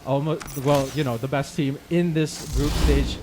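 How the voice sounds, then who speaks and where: A man casting a live esports match with excitable play-by-play. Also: mid-range voice, unhurried, very noisy. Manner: excitable play-by-play, rises sharply in big moments. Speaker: esports caster. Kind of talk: live game commentary. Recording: loud gunfire behind.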